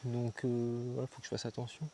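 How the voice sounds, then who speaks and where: A young man talks loosely to a handheld camera, vlog style, slangy and chummy with his viewers. His voice sits in a middling pitch, and he thinks out loud, stopping and restarting as he goes. A faint hiss of background noise sits under him. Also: completely flat delivery, a little fast, creaky. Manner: chatty and slangy, addresses viewers as guys; thinks aloud with frequent fillers and restarts. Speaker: travel vlogger. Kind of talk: casual vlog talk to camera.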